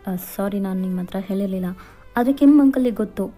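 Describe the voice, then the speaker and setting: A woman's voice: mid-range voice, fairly quick, warm tone, faint music behind, close to an everyday voice. A woman voicing an anxious young man who urgently worries about his missing girlfriend in a fan fiction voiceover. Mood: worried.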